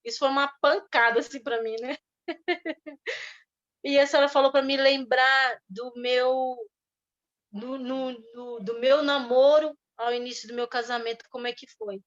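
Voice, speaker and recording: A middle-aged woman with a Brazilian Portuguese accent tells her testimony earnestly. Her voice sits fairly high and soft, and she pauses and restarts often. The recording sounds dull and lo-fi. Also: steady tone. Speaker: church member giving testimony. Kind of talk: emotional personal testimony.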